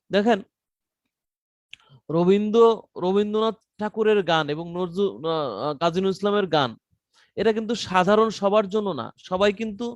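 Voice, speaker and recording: A man teaching an online class in a loose, conversational way, often pausing to rephrase. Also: high voice, dry recording. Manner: conversational teaching with frequent fillers and restarts. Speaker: content writing trainer.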